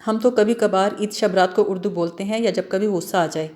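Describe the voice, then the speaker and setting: A woman's voice: medium pitch, fairly even intonation, a little mellow, close to an everyday voice. A woman voicing a talkative, witty young man from a village, joking and mock-dramatic in a story read aloud.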